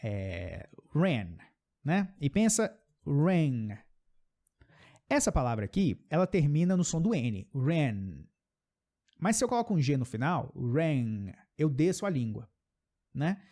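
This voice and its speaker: With a slightly high, slightly mellow voice, a Brazilian teacher, Portuguese by birth, gets very animated as he coaches English pronunciation. He pronounces the example words slowly and keeps checking with "ok?".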